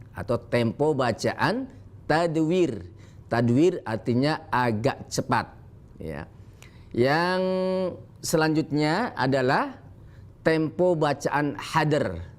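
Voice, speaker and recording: A man with an Indonesian accent teaching Quran recitation on a televised lesson, explaining rules and stressing points emphatically. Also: medium pitch. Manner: alternates explanation with slow chanted Arabic recitation examples; emphatic, animated when correcting mistakes.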